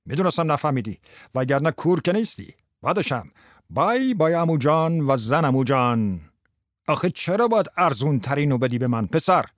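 Brash old-school tie salesman done by a man, fast chatty coaching, sometimes drops to a hush, dry close sound. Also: fairly high pitch, no room sound, lightly acted. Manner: lively, fast coaching banter. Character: brash older male tie salesman teaching a boy. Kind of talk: audiobook character voice.

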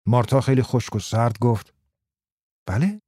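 A man narrating an audiobook in a calm, steady storytelling manner, close to the mic. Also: medium pitch, no room sound.

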